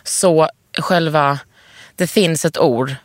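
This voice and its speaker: A woman hosting a podcast in casual chat, playful and teasing, with a drawn-out delivery. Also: low-pitched, no room sound, clean studio sound. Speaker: podcast host.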